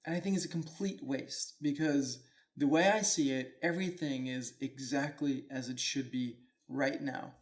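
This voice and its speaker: A Danish man hosts his own podcast, giving a solo motivational talk at a moderate pace in a medium-pitched voice. He comes across as earnest, reflective and casual, sprinkling in fillers like "like".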